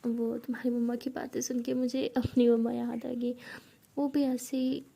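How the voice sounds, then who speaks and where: A woman's voice: fairly high pitch, little pitch movement, moderate pace, vocal fry, mellow. A woman voicing a lonely, grieving woman. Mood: sad.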